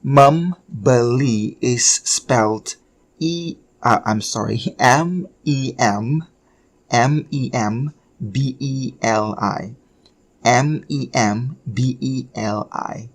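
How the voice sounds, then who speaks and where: Very slow, patient Indonesian man teaching. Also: medium pitch. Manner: slow and patient, repeats words and spells them out letter by letter. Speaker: language teacher. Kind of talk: slow, patient language lesson. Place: Bali.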